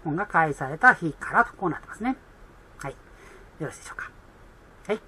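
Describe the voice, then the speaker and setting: Woman, English exam tutor, chatty, bright tone, lowish pitch. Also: lively intonation, a little hiss or hum. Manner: chatty, many fillers, reads English slowly. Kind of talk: explaining an English reading test.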